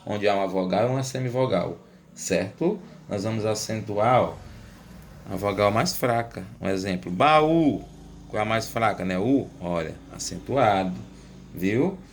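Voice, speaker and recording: Gravelly-voiced man teaching a lesson. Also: lowish voice, normal speed, slight background noise. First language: Portuguese. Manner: drills points with repeated "certo?" and "né?" tags. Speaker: Spanish teacher. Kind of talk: classroom lesson explaining rules.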